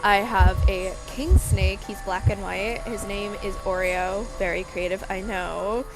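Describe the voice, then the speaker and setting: A woman's voice: mid-range voice, steady tone, a little slow, low-quality recording. Feminine young woman chatting casually over music. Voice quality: feminine-sounding. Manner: self-conscious, apologetic, rambling with self-mocking asides. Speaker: gaming channel creator.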